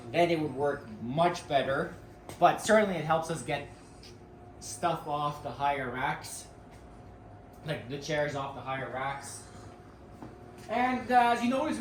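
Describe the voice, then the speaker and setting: A person giving a casual, unscripted walk-through tour of their business, talking informally and rambling as they think aloud. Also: mid-range voice. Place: large echoey rental warehouse and shop. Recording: echoey warehouse, distant mic, clearly noisy background.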